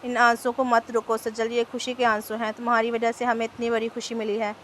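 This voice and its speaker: Woman voicing a joyful young husband, storybook novel reading, flat pitch, higher voice. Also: fairly quick, a little hiss or hum, natural voice.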